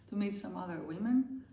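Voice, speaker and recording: A woman from Greece with a Greek accent, speaking English as a second language in halting, earnest interview answers full of pauses. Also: medium pitch, mellow, roomy sound, far from the mic, a little hiss or hum. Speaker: traditional drummer.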